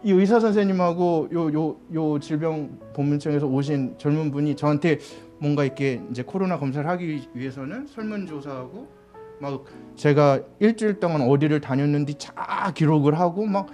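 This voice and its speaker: Male pastor, middle-aged, sermon storytelling, slightly high voice, soft guitar underneath. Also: normal speed. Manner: storytelling, acting out quoted voices. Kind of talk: sermon with personal testimony. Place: church.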